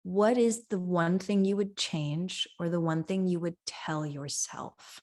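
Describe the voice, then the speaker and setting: A woman's voice: fairly low pitch, fairly even intonation, a little slow, darkish tone. Reflective woman host who keeps asking "right?". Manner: affirming, reflective, frequent "right?" tags. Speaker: podcast host. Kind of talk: reflective interview conversation.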